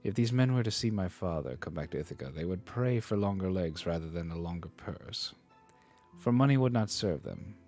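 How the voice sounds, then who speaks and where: A man reading aloud as a troubled young prince who questions a stranger, in his own deep voice, with faint music behind. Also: animated, a little fast, a little mellow. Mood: earnest. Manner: earnest, read-aloud delivery. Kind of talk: reading a classic epic aloud on stream.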